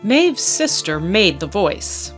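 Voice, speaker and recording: Woman narrator, scripted, expressive, lively pitch, soft music behind. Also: slow.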